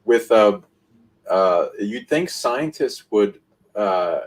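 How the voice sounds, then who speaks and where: A man's voice: fairly low pitch, expressive, very slow, rough recording. A man co-hosting a live stream who rambles through speculative, loosely joined thoughts. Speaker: co-host. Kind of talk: casual live-stream talk.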